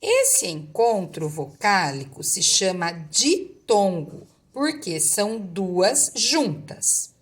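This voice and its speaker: A woman teacher, reading a textbook lesson aloud to pupils and explaining it patiently, step by step. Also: medium pitch.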